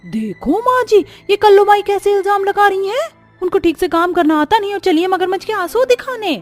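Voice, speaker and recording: A woman's voice: sits high, animated, fairly quick, faint music behind. A woman voicing a scheming young sister-in-law who mocks and frames the new bride. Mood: mocking. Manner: sneering, mocking. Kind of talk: dubbed cartoon story voice.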